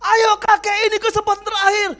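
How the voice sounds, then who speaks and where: Urgent rescue crew, high and raised voices, as a preacher voices them. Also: male voice, monotone, brisk, bright, forceful tone. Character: urgent rescue team men calling out.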